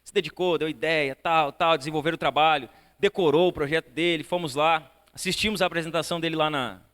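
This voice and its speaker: A man, a pastor, preaches a sermon and tells a family story, moving between soft and loud passages and filling his speech with repeated tags. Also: fairly high pitch, fairly even intonation, fast. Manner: fills with repeated tags like "né" and "tal, tal". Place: church auditorium. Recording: church hall reverb.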